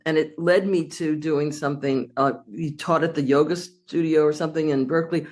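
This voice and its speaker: A woman, a former student, thanking her teacher in a rambling, gushing way. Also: low voice. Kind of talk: casual thank-you speech.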